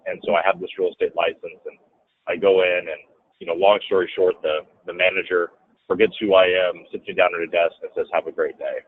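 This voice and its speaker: A man's voice: deep voice, brisk, breathy edge. A man telling a story in a casual interview, acting out other people's lines in a raised voice. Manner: animated, acts out quotes in a raised voice. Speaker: guest, real estate businessman. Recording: tinny phone-like audio.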